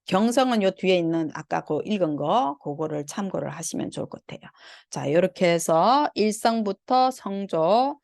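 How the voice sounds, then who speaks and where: A woman's voice: fairly low pitch, lively intonation, moderate pace, gravelly, a little mellow, no room sound, clean studio sound. A woman lecturing on Chinese tones, explaining step by step and demonstrating each tone by sounding out syllables. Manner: patient, explains step by step, sings out tone examples. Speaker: Chinese language instructor. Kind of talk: recorded online lecture.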